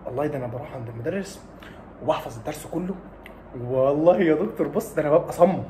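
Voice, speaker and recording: A man voicing an excuse-making male high school student, talking in an Egyptian Arabic accent, soft, mumbling and sheepish. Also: very fast, a little hiss or hum, close to an everyday voice.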